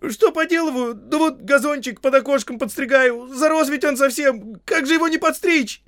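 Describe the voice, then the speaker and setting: Sam: a squeaky, pleading young hobbit. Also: male voice, moderate pace, a bit bright, no echo, clean studio sound. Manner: pleading, rustic speech. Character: young male hobbit gardener, simple and eager.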